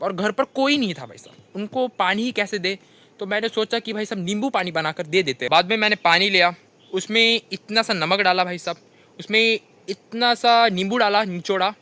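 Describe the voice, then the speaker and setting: A young man with a Hindi accent tells comic stories of his kitchen mishaps, constantly saying "bhai sahab" in an animated monologue. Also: high voice. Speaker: comedian telling funny stories. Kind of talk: stand-up storytelling monologue.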